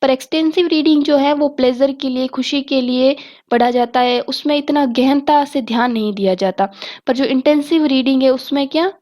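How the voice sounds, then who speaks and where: A woman's voice: sits high, moderate pace, a little mellow, dull audio. A woman teacher with a Hindi accent reads multiple-choice exam questions and their options aloud, then explains the answers, often saying "okay" between points. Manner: often says "ठीक है" and "okay" as fillers.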